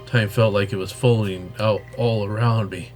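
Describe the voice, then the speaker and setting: A man's voice: lowish voice, steady tone, normal speed, faint music behind. A man reading a story game's narration aloud as he plays, breaking in with joking asides. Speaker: game streamer.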